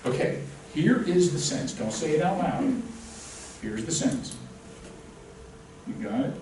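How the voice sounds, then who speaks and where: A male instructor lectures a real estate class with lively, swinging intonation and plenty of jokes. He is recorded from across a very echoey classroom, with faint room noise underneath. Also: fairly high pitch, measured pace. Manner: animated, joking, quizzes the class. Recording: very echoey room, distant mic.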